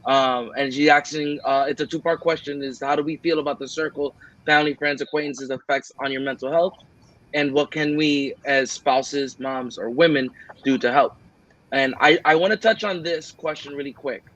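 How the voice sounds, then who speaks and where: A man's voice: on the high side, normal speed, fairly bright tone, highs cut off. Earnest man rambling on a podcast. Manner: earnest, rambling, acts out his own quoted lines. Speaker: podcast co-host. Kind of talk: casual podcast chat.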